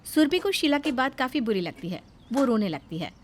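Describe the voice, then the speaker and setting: A woman narrating a cartoon story in a calm, measured storytelling way. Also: high voice, a little hiss or hum.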